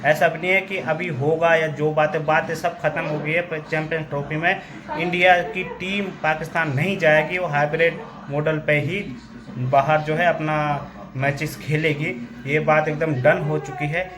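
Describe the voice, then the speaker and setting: A man's voice: a little high, fairly even intonation, moderate pace, over music. A man with a Garhwali-tinged Hindi accent giving indignant, emphatic vlog commentary on cricket, with fillers. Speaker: vlogger. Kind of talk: casual commentary to camera.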